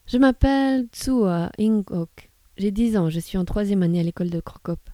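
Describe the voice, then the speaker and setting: A woman voicing a ten-year-old boy in a storybook, speaking slowly. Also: medium pitch, mellow, no echo, natural voice. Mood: grave.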